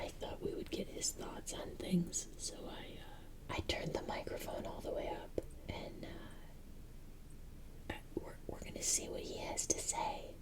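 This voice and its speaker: A young woman whispering a rambling, self-deprecating video diary as a music student, recorded on a close desk microphone in her bedroom. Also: poor audio. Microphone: close condenser desk mic.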